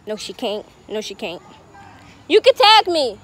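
A young woman chatting casually to her camera outdoors on a hot day, animated and slangy, raising her voice over others. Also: fairly high pitch, unhurried. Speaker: vlogger. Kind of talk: casual vlog chat. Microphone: handheld camera.

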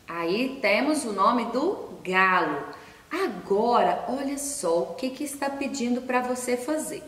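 A woman teacher giving a recorded class to young children, spelling out letters and syllables slowly and patiently, asking questions and then answering them herself. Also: a little high, a bit bright. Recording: echoey room, distant from mic.

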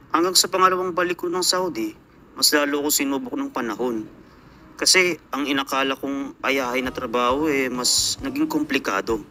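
A man's voice: mid-range voice, moderate pace, pushed and bright. A young Filipino man, an overseas worker, telling his life story in a reflective, earnest voice-over. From Philippines.

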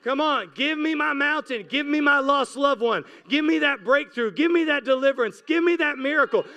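Holding a handheld microphone close on an indoor church stage, a pastor in his forties reads scripture and preaches with impassioned, repetitive urging. His extremely high voice is pushed and bright, moving at a moderate pace.

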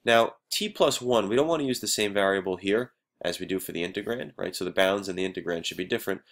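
Deep-voiced man teaching math, under the weather. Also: quick pace, a bit bright. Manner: patient step-by-step explaining, frequent "right?". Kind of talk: recorded math lesson.

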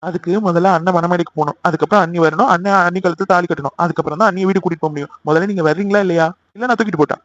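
An excitable young cartoon brother, voiced by a man, eager and pushy. His voice rides high and tumbles out very fast. The sound is dull and lo-fi but dry. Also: no echo. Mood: impatient.

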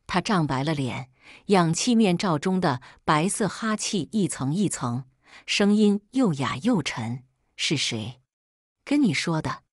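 Low husky woman reading a sad story. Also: expressive, no echo, studio quality. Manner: sorrowful, measured reading. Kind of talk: first-person story narration.

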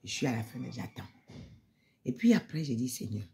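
A woman's voice: a bass voice, big pitch swings, fairly quick, vocal fry, warm tone. A woman giving an emotional spoken testimony in church, repeating phrases and sometimes dropping to a near-whisper.

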